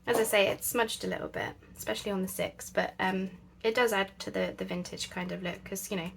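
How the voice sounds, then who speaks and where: Chatty woman with a gravelly edge. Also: medium pitch, steady tone, a little fast, slight background noise. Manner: chatty, thinks aloud with many fillers. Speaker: crafting channel host. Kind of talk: casual crafting chat.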